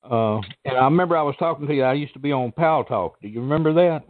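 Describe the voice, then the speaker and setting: Older-ish guy w a deep southern accent calling in, rambling folksy chat, tinny phone sound. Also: quick pace, slight background noise. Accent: deep Southern American. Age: middle-aged or older. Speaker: phone-in caller. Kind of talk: casual chat.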